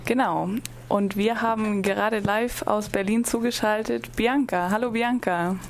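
A woman's voice: mid-range voice, steady tone, measured pace, a little hiss or hum. A woman hosting a radio show, welcoming a live guest and asking questions with frequent fillers. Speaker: radio host. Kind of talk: casual interview.

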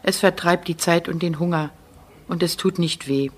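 Give me a woman doing a gruff bitter boy. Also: fairly low pitch, fairly even intonation, moderate pace, natural voice. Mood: resigned. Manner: gruff, muttering. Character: bitter defiant boy prisoner.

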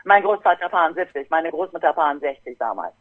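A woman in her fifties, an interview guest, telling a story in a lively way and acting out her relatives' voices over a phone line. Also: sits low, fairly quick, dry recording. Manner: animated, acts out family members' voices. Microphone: telephone. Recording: tinny dry phone line.

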